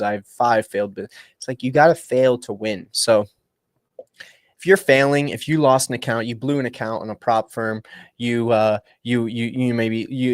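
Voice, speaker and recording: A young man hosting a livestream, talking casually and upbeat, rambling and restarting his sentences, at times dropping low and at times getting loud. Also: no room sound, clean studio sound. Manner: rambling, upbeat, restarts often and shifts between hushed and loud. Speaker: livestream host. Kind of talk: casual motivational livestream talk.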